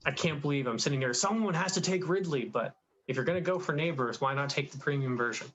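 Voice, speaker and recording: A man co-hosting a live draft stream, giving opinionated, animated analysis. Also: fairly high pitch, quick pace, low-quality recording. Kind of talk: live draft commentary chat.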